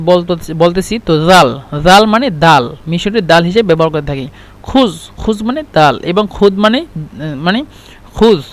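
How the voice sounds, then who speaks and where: A man with a Bangladeshi Bengali accent teaching a spoken language lesson, explaining slowly with many fillers and restarts and repeating example phrases. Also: high-pitched. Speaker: Arabic teacher.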